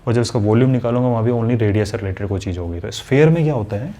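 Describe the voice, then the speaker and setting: A man's voice: lowish voice, racing, mellow. A man teaching a maths lesson in a chatty way, talking straight to his students and acting out their questions. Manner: conversational, addresses students directly, voices their questions. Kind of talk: classroom lesson explanation.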